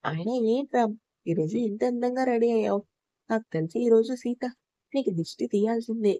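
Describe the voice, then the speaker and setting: A woman's voice: a little high, a little fast, dark tone, no room sound, close to an everyday voice. A woman voicing a scheming young woman who teases and schemes slyly. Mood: teasing. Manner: teasing, sly.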